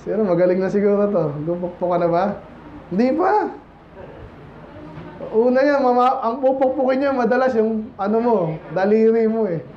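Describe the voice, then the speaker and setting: High-voiced pastor preaching in a church. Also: male voice, normal speed, highs cut off, slight background noise. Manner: conversational preaching, calls out "Amen?" to the congregation; mixes English phrases into Tagalog. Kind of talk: Sunday sermon.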